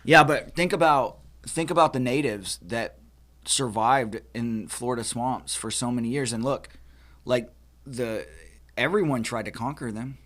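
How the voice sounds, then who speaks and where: A man's voice: medium pitch, measured pace, a bit bright. A man from the United States in a casual roundtable chat, talking emphatically and restarting his sentences as he lectures. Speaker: podcast co-host.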